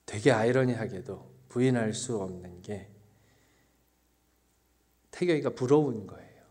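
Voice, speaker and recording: Guy preaching, tells stories on himself and laughs, then goes slow and soft and thinking it over. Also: on the low side, husky. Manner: lively storytelling that turns slow and reflective; self-mocking, laughs at his own story. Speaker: pastor. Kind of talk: sermon.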